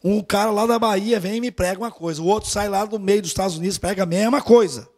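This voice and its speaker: A man with a Brazilian accent preaches at a church service, telling a story from his own life. His voice sits high for a man and stays lively, sinking to near-whispers before rising into loud exhortation. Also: quick pace. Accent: Brazilian Portuguese. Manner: animated, swings from hushed asides to loud urging. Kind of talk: storytelling sermon.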